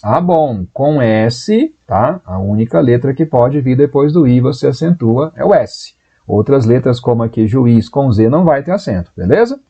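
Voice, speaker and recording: A Brazilian man teaching Portuguese in a live online exam-prep class, talking in a lively, chatty way and answering viewers by name. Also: mid-range voice, moderate pace, slightly rough. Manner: voices students' doubts in a raised voice.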